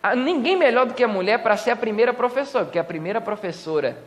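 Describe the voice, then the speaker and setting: A man's voice: very high-pitched, lively intonation, fast, a bit bright. A Brazilian man preaching a humorous sermon as pastor, acting out little scenes with voices. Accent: Brazilian Portuguese. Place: church hall. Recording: church hall reverb.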